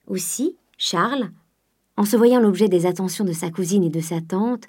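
In a scripted audiobook, a woman with a mid-range voice reads a classic novel, keeping a measured delivery and sometimes sinking into a soft, near-whispered tone.

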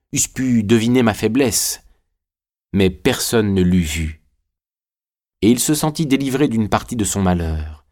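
A man narrating a classic novel as an audiobook, in a measured, literary way. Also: on the low side, darkish tone.

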